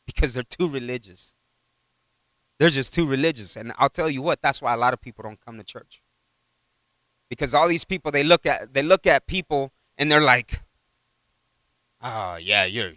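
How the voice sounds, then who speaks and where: A man delivers an informal sermon in a church, his voice bright and crisply resonant. He rambles comfortably and retells everyday exchanges, leaning often on "you know." The sound is close and dry. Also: a little high, no room sound. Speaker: preacher. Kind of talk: conversational sermon.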